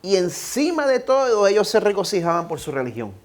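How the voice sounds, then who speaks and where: A male pastor from Puerto Rico preaches a sermon to his congregation in a church sanctuary, his voice high and sing-song with a Puerto Rican Spanish accent. He reads scripture slowly and emphatically, then turns to exhort the listeners directly.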